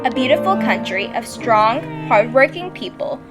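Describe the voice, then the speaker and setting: Young woman narrator from Arkansas, higher voice, animated scripted read, music underneath. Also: normal speed. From Arkansas, USA. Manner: earnest, read-aloud delivery. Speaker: documentary narrator.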